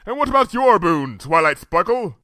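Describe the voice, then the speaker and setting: A man voicing a regal, impulsive female moon princess pony who speaks in archaic, booming proclamations. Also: sing-song, moderate pace, bright, forceful tone, no echo, clean studio sound, full character voice. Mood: grand.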